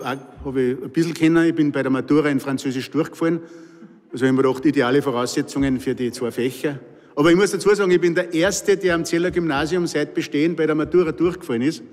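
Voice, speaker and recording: His voice is a little high with a darkish tone. A Pinzgau native from Salzburg, Austria, aged 60 or more, he speaks with the local accent as he reads his own stories and tells anecdotes live, dryly and wryly funny, in a hall with long, echoing reverb.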